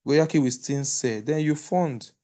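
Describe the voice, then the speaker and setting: A man's voice: a little high, unhurried, dark tone. A man moderating an online group call who gives advice in a hesitant way, full of fillers and restarts. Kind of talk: casual group call, closing remarks.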